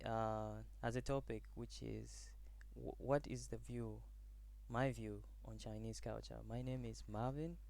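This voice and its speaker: A young man from Zambia gives a class presentation, halting and restarting as he searches for words. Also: medium pitch, steady tone, creaky, a little mellow. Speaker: student presenter.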